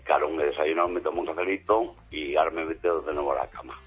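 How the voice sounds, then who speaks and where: A man in his forties from Spain with a Spanish accent, chatting casually as a radio caller in a husky smoker's voice that sounds like an old man's. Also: very deep voice, fairly even intonation, fast talker, highs cut off, faint music behind. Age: 40s. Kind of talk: casual chat.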